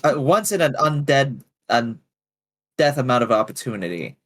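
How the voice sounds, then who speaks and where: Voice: medium pitch, sing-song, normal speed, dry recording, studio quality. A player in a tabletop role-play game who fumbles and stalls with fillers while talking in character.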